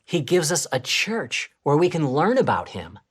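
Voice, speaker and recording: A woman co-presenting a scripted children's church lesson, telling the story expressively, swinging between excited and hushed. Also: sits low, moderate pace, slightly rough.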